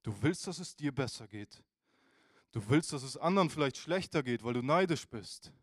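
A man preaching a casual youth sermon, informal and animated, who speaks straight to his listeners. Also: mid-range voice, normal speed, no room sound, clean studio sound.

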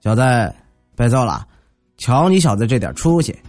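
A man voicing a gruff, boastful middle-aged father who scolds his son. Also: medium pitch, big pitch swings, normal speed, darkish tone, faint music behind. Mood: scolding. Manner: blustering, scolding.

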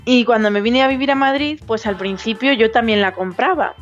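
A woman's voice: a little high, fairly quick, dull audio. A woman from Zamora, Spain, with a Zamora Spanish accent, co-hosting a podcast and telling stories in a chatty, casual way over faint music. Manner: chatty storyteller, quotes others in lively voices. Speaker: podcast co-host. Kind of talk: casual chat.

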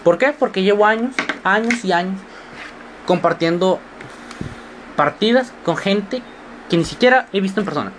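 A man's voice: sits high, lively intonation, a bit bright, a little hiss or hum. A sixteen-year-old boy with a mixed Mexican accent, telling rambling, self-mocking stories in a casual podcast monologue. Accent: Mexican, mixed regional. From northern Mexico. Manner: rambling, jokey and self-mocking, quick shifts of tone. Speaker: podcast host.

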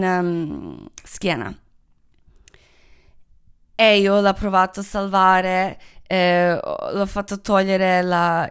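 In Los Angeles, a woman shares candid personal stories in a casual monologue that is frank and full of profanity, speaking Italian but often slipping in English phrases. Her voice is medium-pitched, clear and resonant.

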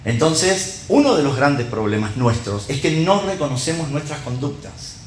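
A man's voice: on the high side, sing-song, moderate pace, a little hiss or hum. A middle-aged man preaching in Rioplatense Spanish, his voice swinging up and down as he talks. He keeps asking his listeners rhetorical questions and checking in with them. The sound rings around a roomy church hall. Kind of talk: conversational sermon.

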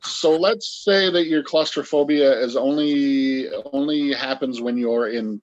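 A man's voice: medium pitch, unhurried, dry recording, highs cut off. A man running a tabletop game as game master, talking casually in an easygoing, agreeable way.

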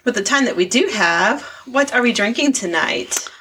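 A woman's voice: on the high side, lively intonation, moderate pace, heavy background noise. A woman hosting a casual podcast, joking and self-deprecating as she chats. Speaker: podcast host. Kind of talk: casual chat.

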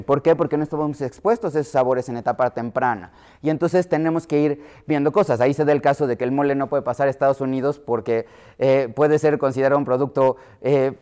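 Man, Mexico City Spanish accent, middle-aged, pediatric lecture, explanatory, somewhat high-pitched, resonant clear voice. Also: warm tone. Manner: explanatory, acts out quoted voices.

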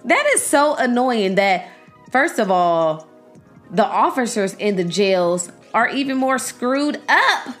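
A woman's voice: fairly high pitch, animated, slow, soft background music. A young woman vlogging casually, emphatic and slangy, addressing her viewers as y'all. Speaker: vlogger reacting to a series. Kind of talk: casual chat.

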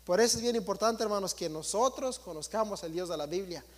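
Man, preacher, high voice, emphatic and repetitive sermon, lingering reverb of a church hall. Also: fairly quick. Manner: emphatic, repetitive, keeps addressing the congregation.

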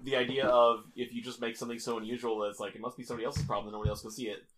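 A man's voice: mid-range voice, level tone, racing, a bit bright, a little hiss or hum. A man on a podcast, cracking jokes and swearing casually. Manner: joking, profane. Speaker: podcast host.

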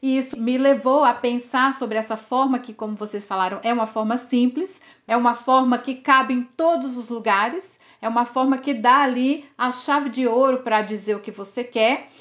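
A woman's voice: a little high, normal speed, hardly any pauses. A woman from in Brazil's Northeast, a linguistics professor explaining things as a podcast guest, often tagging her sentences with questions. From Campina Grande, Paraíba, Northeast Brazil. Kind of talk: podcast interview.

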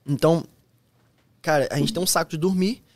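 A man's voice: fairly high pitch, fairly quick, no echo. Slangy brazilian man telling an anecdote. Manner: slangy, animated, fond of filler slang. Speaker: guest, former U.S. Army soldier. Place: podcast studio.

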